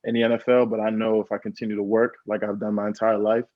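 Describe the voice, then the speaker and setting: An earnest young American man tells his story in a low, fairly flat voice, repeating his key phrases. He sounds dull and lo-fi, and the room around him is dry. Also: fast talker, dry recording. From United States. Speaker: guest, pro football player. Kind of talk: casual interview storytelling.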